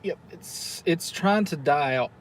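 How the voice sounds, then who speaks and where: A man's voice: fairly high pitch, unhurried. A man giving casual, colloquial live commentary as a storm chaser. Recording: noisy field audio, outdoor and vehicle noise.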